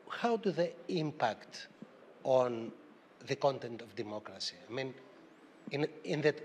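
A man's voice: medium pitch, slight background noise. A man moderating a panel discussion, asking long questions that wander before they land. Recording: reverberant hall with faint ambience.

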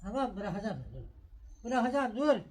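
Middle-aged male vlog host, husky voice, lively swooping delivery, chats to camera while cooking, coaxes animals. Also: high-pitched, normal speed. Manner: talks to viewers while making a sandwich, then shouts and coaxes an animal. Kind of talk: casual cooking and farm vlog.

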